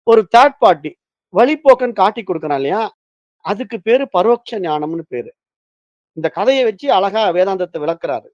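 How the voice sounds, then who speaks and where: A man's voice: sits high, no room sound, muffled recording. A man teaching a recorded philosophy lesson as a spiritual teacher, explaining points through a story with acted quotes.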